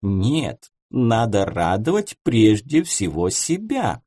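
A man voicing a confident woman dressmaker who talks in a smooth, persuasive way. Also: on the low side, wildly swooping pitch, slow, warm tone, dry recording, clean studio sound, heavily acted.

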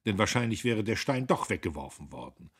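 A man's voice: lowish voice, big pitch swings, a little fast, husky, full character voice. A man reading an audiobook and voicing a pompous, cowardly young businessman who blusters self-righteously. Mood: blustering. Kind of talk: audiobook character voice.

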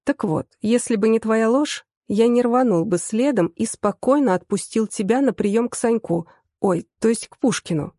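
A woman doing a calm, teasing young man. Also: mid-range voice, normal speed, no echo, lightly acted. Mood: earnest. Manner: unruffled, dry and good-humoured. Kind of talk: audiobook character voice.

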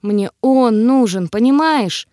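A woman's voice: medium pitch, animated, normal speed, darkish tone, no room sound, clean studio sound, natural voice. Weak, pleading young heroine, read by a woman.

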